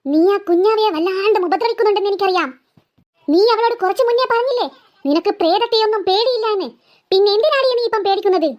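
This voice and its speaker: A performer doing a gloating ghost girl. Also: lo-fi sound. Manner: slow, low, gloating threats with cackling. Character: menacing ghost girl, bloodthirsty and sneering. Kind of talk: cartoon voice acting.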